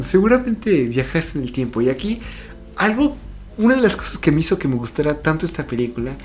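A man casually retelling a film, chatty and full of fillers and repeats. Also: on the high side. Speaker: film recap narrator.

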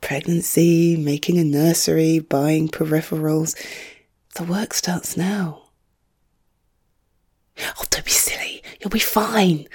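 A woman speaking in soft, hushed whispers, gently reassuring as she plays a visiting friend in an ASMR roleplay. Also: deep voice, fairly even intonation, takes it slowly, pauses often, slightly rough. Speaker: ASMR creator.

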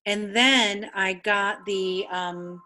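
A woman whose first language is Spanish, hosting a conversation as a business coach and telling lively stories. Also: medium pitch, drawn-out words. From New York City. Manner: animated storyteller, acts out quoted voices. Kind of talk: conversational interview.

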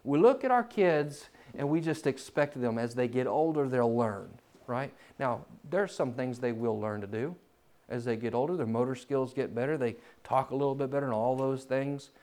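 A man preaching a sermon in a church, swinging from loud, climbing emphasis to quiet, low asides. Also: normal speed.

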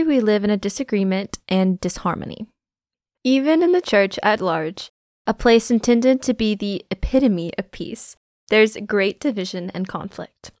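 A woman co-hosting a church podcast, reading a devotional in a calm, measured way. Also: mid-range voice, dry recording, studio quality. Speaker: podcast co-host.

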